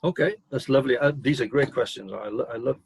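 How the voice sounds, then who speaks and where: An older man, a managing director, answering interview questions in a measured, hesitant way, clearing his throat between points. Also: medium pitch, slight background noise, low-quality recording.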